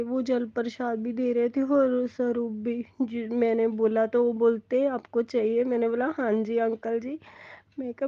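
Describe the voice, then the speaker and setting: A middle-aged woman, giving a slow, tearful, heartfelt devotional testimony. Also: on the high side, dry recording, highs cut off. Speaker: devotee sharing a satsang testimony. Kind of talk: emotional personal testimony.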